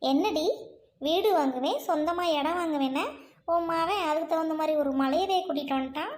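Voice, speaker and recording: A woman's voice: high voice, brisk, a little mellow, voice pushed down, lightly acted. Scornful old mother-in-law, as a woman puts her on. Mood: mocking. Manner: mocking, taunting. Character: scornful older mother-in-law, sharp-tongued.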